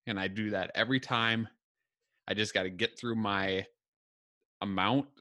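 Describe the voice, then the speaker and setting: A man with a lowish, bright, forceful voice talks casually into a close, dry podcast mic. He is upbeat and self-deprecating, and a little out of breath. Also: steady tone, unhurried, no echo. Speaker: podcast host. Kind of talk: casual solo podcast talk.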